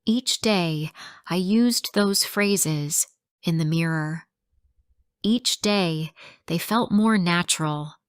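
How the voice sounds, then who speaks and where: A woman with a lowish voice reads a simple first-person story aimed at English learners. Her sentences are slow and clearly spoken, recorded at studio quality with no echo.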